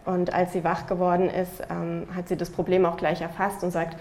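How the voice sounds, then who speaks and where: A woman's voice: on the low side, moderate pace, slight background noise. German woman casually telling a picture-book story. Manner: relaxed, conversational telling with frequent fillers; speaks the animals' lines in her own voice.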